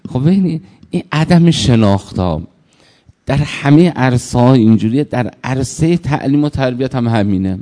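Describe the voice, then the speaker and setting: A man's voice: mid-range voice, lively intonation, warm tone, in a large hall. A man preaching a sermon, telling everyday stories and acting out the people in them. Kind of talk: sermon with anecdotes.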